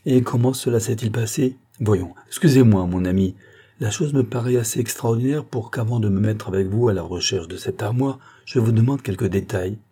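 A man voicing a composed, honest male minister who questions in a measured way. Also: fairly low pitch, warm tone, breathy edge. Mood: questioning.

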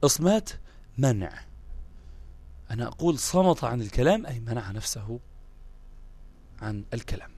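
A man's voice: medium pitch, big pitch swings, moderate pace, pauses often, darkish tone, slightly rough, dry recording. A man with an Egyptian Arabic accent teaching Quran recitation in a live online lesson, explaining patiently, repeating terms and checking in with his listeners.

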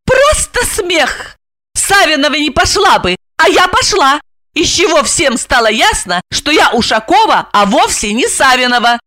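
A woman voicing a fiery young housewife heroine in an audiobook, loud, sarcastic and high-pitched. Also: very animated, unhurried, heavily acted. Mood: indignant, mocking. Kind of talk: audiobook character voice.

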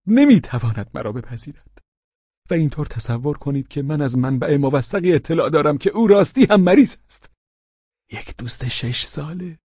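A man's voice: a little high, gravelly, dark tone, husky, no echo, muffled recording, pitched above the performer's own voice, exaggerated voice. A man voicing a fawning, overwrought middle-aged widower in an audiobook, pleading in a raised, emotional voice. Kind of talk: audiobook character reading.

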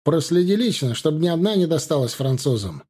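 A man's voice: a little high, big pitch swings, brisk, warm tone, breathy edge, pitched above the performer's own voice. A man reading an audiobook, voicing a prince who gives firm, orderly instructions to his adjutant. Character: aristocratic male prince commanding an adjutant.

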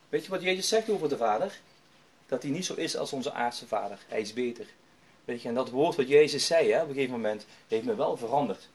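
A middle-aged man preaching a personal testimony, emphatic and conversational, repeating himself and using tag questions. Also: medium pitch.

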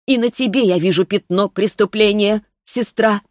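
A woman voicing a young spirit girl with a sweet voice who speaks in slow, clipped, merciless pronouncements. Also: medium pitch, no echo, studio quality, pitched above the performer's own voice, lightly acted. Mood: cold, judging. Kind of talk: audiobook character voice.

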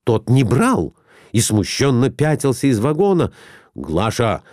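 A man narrating classic prose aloud in an expressive, theatrical reading style. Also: medium pitch, moderate pace, no echo, studio quality. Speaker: audiobook reader.

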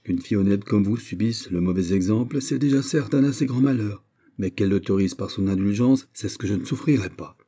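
A man voicing an indignant elderly noblewoman who scolds in loud, shrill outbursts in a storybook reading. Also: a little fast, lightly acted. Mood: outraged.

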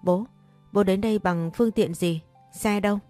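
A woman's voice: medium pitch, steady tone, moderate pace, mellow, faint music behind, lightly acted. A woman voicing an exasperated young married daughter who sharply scolds her father.

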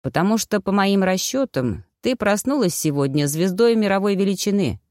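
A woman voicing a calm, gently teasing male werewolf lover in an audiobook. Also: medium pitch, moderate pace, no echo, studio quality, voice pushed up, close to an everyday voice.

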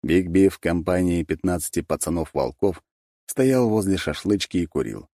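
A man narrating a story in the first person, wry and expressive. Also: sits low, normal speed, dry recording, studio quality. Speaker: audiobook narrator.

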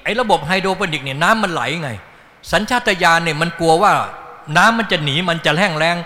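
A man gives a Buddhist dharma talk in a folksy, storytelling way. His voice is bright and fairly high, and it rings out in a hall with a long reverb. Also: expressive, brisk. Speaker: Buddhist teacher.

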